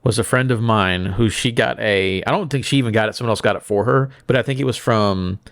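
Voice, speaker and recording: A man's voice: on the low side, a little fast, a bit bright, no echo, clean studio sound. A man co-hosting a podcast, rambling casually and swearing freely. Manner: rambling, profane. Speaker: podcast co-host. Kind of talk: casual chat.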